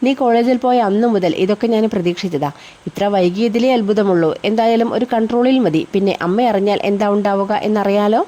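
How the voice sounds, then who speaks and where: A woman's voice: medium pitch, fairly quick, mellow, natural voice. A woman voicing a firm, lecturing elder brother, a young businessman, in a storybook reading.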